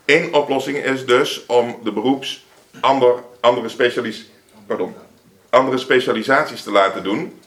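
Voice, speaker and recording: A man answering questions in a council meeting, explaining in a measured, slightly halting way. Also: mid-range voice, a bit bright. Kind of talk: formal meeting reply.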